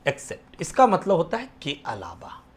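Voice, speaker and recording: Animated Bihari man quizzing his students. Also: on the high side, a little slow, slight background noise. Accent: Bihari Hindi. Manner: quizzing, repeats answers as questions; drops to near-whisper on answers. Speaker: teacher. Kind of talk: exam-prep lesson.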